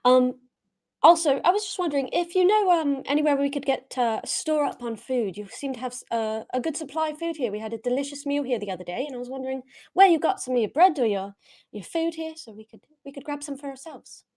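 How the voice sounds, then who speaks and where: A woman's voice: sits high, expressive, fast talker, a little mellow. A woman casually improvising questions as a player in a tabletop role-playing game.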